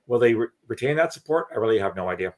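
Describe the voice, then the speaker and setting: Middle-aged male analyst, low voice, careful, stammers into his points. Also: expressive, lo-fi sound. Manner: measured, frequent restarts and stammered repeats. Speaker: security analyst guest. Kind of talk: podcast discussion.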